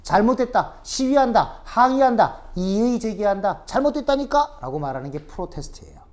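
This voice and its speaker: A woman's voice: fairly high pitch, brisk. A woman lecturing on English vocabulary in Korean, teaching with rhetorical questions and repeated drills. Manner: lively, animated teaching with rhetorical questions and repetition. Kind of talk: recorded online lecture.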